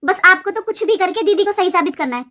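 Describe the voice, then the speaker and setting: A sulky young cartoon wife who grumbles and snaps at everyone in the house. The voice sits extremely high and sharp, the way a household cartoon squabble is pitched. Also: female voice, expressive, fast, full character voice. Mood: indignant. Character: nagging younger sister-in-law, resentful, complaining young wife. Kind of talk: cartoon voice acting.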